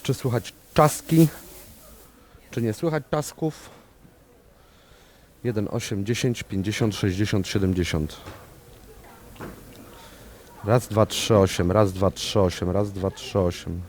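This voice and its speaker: Low-voiced man running a sound check. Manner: steady, repetitive counting, asks if he can be heard. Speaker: person doing a microphone sound check. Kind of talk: sound check, counting and repeating test phrases.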